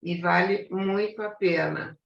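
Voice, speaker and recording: A woman's voice: lowish voice, fairly even intonation, unhurried, vocal fry, a little hiss or hum. A woman from Brazil on a video call, earnestly encouraging others to plan a visit. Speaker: study group participant. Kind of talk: casual online group discussion. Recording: distant, echoey, dull video call audio.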